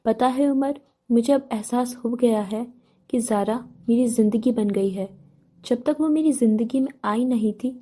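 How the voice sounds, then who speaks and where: A calm young man speaks softly and evenly about his feelings, voiced by a woman reading an audiobook. The tone is dark and mellow, sitting a little high. The story is a romance novel read aloud. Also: natural voice. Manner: calm, soft-spoken lines.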